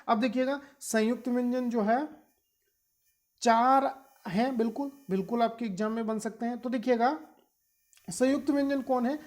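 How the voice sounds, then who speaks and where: Woman teacher, fairly high voice, patient step-by-step grammar explainer who keeps checking understanding. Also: darkish tone. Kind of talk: exam prep grammar lesson.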